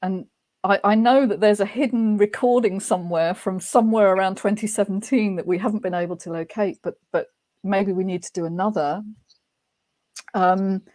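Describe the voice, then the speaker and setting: A woman, a guest author speaking thoughtfully in a relaxed interview, often pausing and restarting her sentences. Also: medium pitch. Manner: thoughtful, hesitant, many restarts. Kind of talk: casual interview chat.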